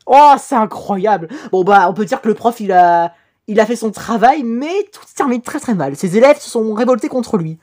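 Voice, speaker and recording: A woman from France giving animated, laughing reaction commentary on fan animations, swearing casually. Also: on the high side, normal speed. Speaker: YouTube reactor.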